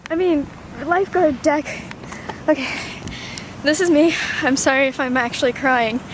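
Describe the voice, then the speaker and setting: A young woman filming a travel vlog outdoors, gushing and excitable, squealing when something thrills her. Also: sits high, moderate pace. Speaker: vlogger. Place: outdoors in a busy city, on a beach. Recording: noisy outdoor ambience with traffic.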